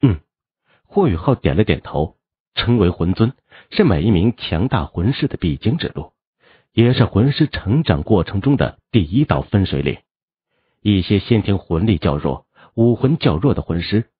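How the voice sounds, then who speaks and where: Low, husky male audiobook narrator. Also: normal speed, no room sound, phone-quality sound. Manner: animated storytelling. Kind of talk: expressive novel narration.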